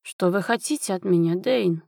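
A woman's voice: lowish voice, normal speed, vocal fry, dark tone, no echo, clean studio sound. A woman voicing a cowardly young nobleman who mumbles and pleads. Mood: whining. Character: whiny cowardly young nobleman, injured son.

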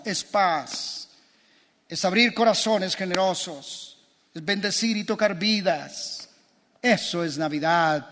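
A man preaching a sermon as pastor, impassioned and building through repeated phrases. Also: fairly high pitch. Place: church. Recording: long church reverb.

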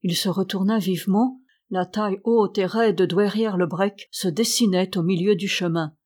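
A woman narrating a novel in an audiobook, reading in a measured way. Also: mid-range voice, fairly even intonation, darkish tone.

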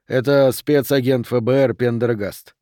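A man's voice: medium pitch, steady tone, measured pace, warm tone, no room sound, clean studio sound, lightly acted. A man voicing a weary male police lieutenant who speaks in a blunt, exasperated way. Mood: gruff.

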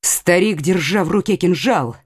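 A woman narrating a historical novel as an expressive, theatrical audiobook reading on a close mic. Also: on the low side, moderate pace, slightly rough, dry recording.

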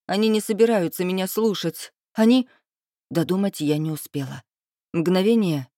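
A woman reading a first-person fantasy audiobook in an expressive, measured storytelling manner. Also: medium pitch, no room sound, studio quality. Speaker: audiobook narrator.

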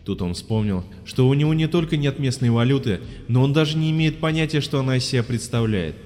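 A man narrating a humorous story aloud and lively voicing the characters' lines. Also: brisk. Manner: lively, shifts pitch for quoted characters. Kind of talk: audiobook reading, voicing characters. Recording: long reverb, faint music behind.

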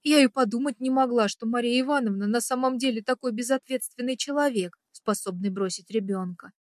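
A woman narrating a first-person audiobook in an emotional, expressive way. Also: fairly high pitch, brisk, no echo, studio quality.

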